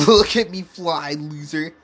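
Slow-talking teasing young man. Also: fairly high pitch, heavy background noise. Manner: laid-back, teasing, laughs often. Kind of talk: casual gaming chat. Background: game music.

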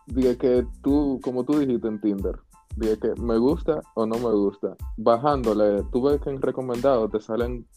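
A young man with a Dominican accent chats casually in a mellow, medium-pitched voice. He is slangy and a little tentative when giving opinions, with faint music in the recording. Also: moderate pace. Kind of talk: casual chat.

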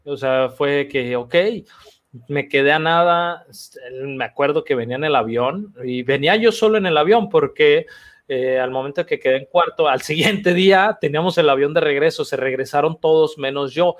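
Mexican guy chatting about his career, relaxed and slangy, kinda high-pitched. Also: normal speed, highs cut off. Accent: Mexican Spanish. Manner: relaxed, slangy, animated retelling. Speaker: archery athlete guest. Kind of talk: casual interview storytelling.

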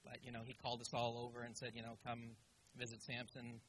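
A man's voice: medium pitch, completely flat delivery, fast talker, fairly bright tone, slight background noise, rough recording. A man from Malaysia, raised in Canada, casually telling his personal testimony in church with many fillers. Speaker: congregation member.

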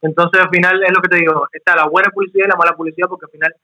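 A man's voice: high-pitched, level tone, racing, sharp tone, poor audio. A Cuban man speaking as a guest in a casual chat, explaining his points in a conversational way. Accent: Cuban Spanish. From Cuba. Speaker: YouTuber guest.

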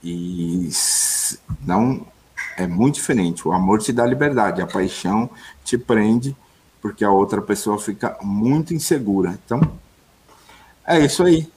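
A man co-hosting a casual chat, calmly reflecting on love and relationships. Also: fairly low pitch, unhurried, a little hiss or hum. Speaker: co-host.

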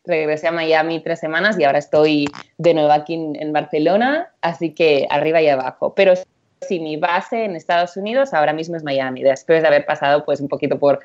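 A woman's voice: deep voice, fairly quick, darkish tone. A woman from Catalonia, a nutritionist guest, chatting enthusiastically on a radio show. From Spain (Catalonia, Empordà). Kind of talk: casual radio chat. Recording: dull lo-fi sound.

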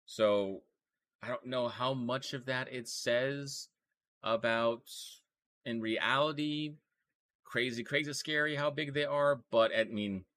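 A man's voice: mid-range voice, slow, a bit bright, no echo. A man hosting a casual anime news podcast, rambling with fillers and restarts as he talks. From Texas. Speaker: podcast host.

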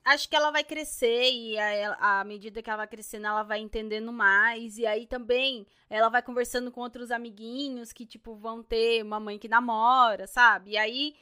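Brazilian woman, co-host, high bright voice, relaxed slangy chat. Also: moderate pace, hardly any pauses, smooth. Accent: Brazilian Portuguese. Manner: relaxed, conversational, uses slang. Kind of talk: casual chat.

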